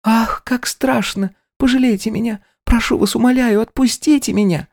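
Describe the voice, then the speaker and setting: Brief: frightened young woman in an audiobook, done by a man in falsetto, high and pleading, dry close read. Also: normal speed, warm tone, dry recording, natural voice. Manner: high trembling falsetto, begging.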